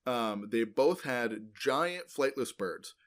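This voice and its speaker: A man's voice: medium pitch, animated, takes it slowly, fairly bright tone. Rambling man explaining with lots of ums. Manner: rambling, many ums and uhs, self-correcting; loose and informal, uses "like" often. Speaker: podcast co-host explaining paleontology. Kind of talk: casual educational podcast chat.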